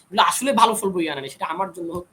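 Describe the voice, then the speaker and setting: A crowd can be heard behind a young man whose high voice races along, animated and insistent. He's an engineering student and panel guest in a heated debate, arguing his side and pushing back whenever cut off. The recording is rough.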